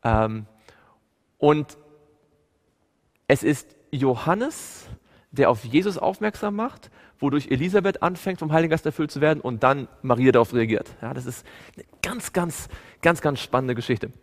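Under a long hall reverb, a man with a medium-pitched voice preaches a Bible study sermon at normal speed, pausing often. He tells the story in an animated way and keeps asking his listeners questions.

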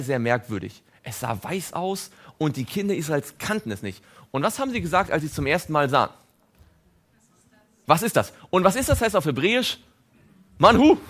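A man delivers a sermon in an animated way, often asking his listeners questions. His voice sits a little high and swings widely in pitch. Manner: animated, asks audience questions. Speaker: preacher.

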